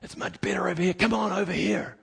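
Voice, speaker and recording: A man's voice: sits high, steady tone, fast, vocal fry, breathy edge, pitched above the performer's own voice, full character voice. A man voicing the evil one as a whispering tempter who coaxes a listener over a fence. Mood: coaxing. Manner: hushed, coaxing whisper.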